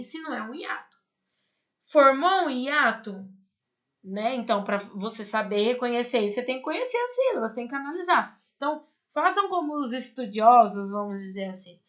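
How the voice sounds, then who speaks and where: A woman's voice: fairly high pitch, fairly bright tone, muffled recording. A woman teaching a Spanish class, explaining step by step and checking in with her students. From Brazil. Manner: explains patiently, asks rhetorical questions and checks in with "certo?" and "né?". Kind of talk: recorded online class.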